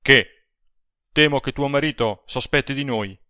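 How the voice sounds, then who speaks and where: A man reading an audiobook, voicing a burly, brooding man who speaks in a rough, tense tone. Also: medium pitch, unhurried, no room sound, clean studio sound. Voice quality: rough, dark tone.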